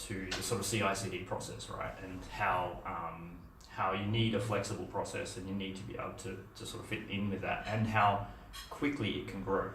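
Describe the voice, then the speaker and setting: Speaking casually at a meetup conference talk, a middle-aged Australian man has a deep, gravelly, slightly bright voice with a level tone and moderate pace, barely pausing amid his fillers and restarts. A far camera mic picks him up in a dim, echoey room with a projector screen, with slight background noise.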